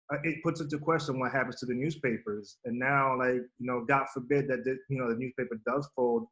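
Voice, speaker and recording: A man's voice: mid-range voice, a bit bright, poor audio. A man who works as a newspaper journalist, speaking hesitantly in a panel discussion and filling his sentences with "like" and "you know". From Pittsburgh.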